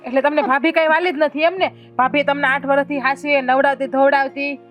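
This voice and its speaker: A headstrong village sister-in-law with a lilt, whose voice sits very high and who swings from tearful pleading to bossing the house around. Soft music lies faintly under her. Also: little pitch movement, brisk. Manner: emotional, pleading then bossy. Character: rural sister-in-law, stubborn, weepy, scolding.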